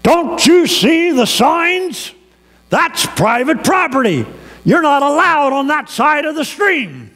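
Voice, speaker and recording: A man voicing an irate male landowner who shouts accusations from a distance, in a long-echo church recording. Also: extremely high pitch, big pitch swings, takes it slowly, voice pushed up, full character voice. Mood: angry yelling.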